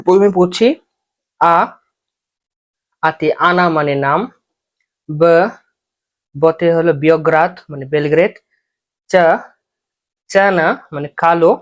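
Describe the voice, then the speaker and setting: Teacher walking thru an alphabet one letter at a time, slows down n repeats the example words so you can follow. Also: medium pitch, steady tone. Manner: patient, repeats example words slowly for learners. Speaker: language teacher. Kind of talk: spoken alphabet lesson.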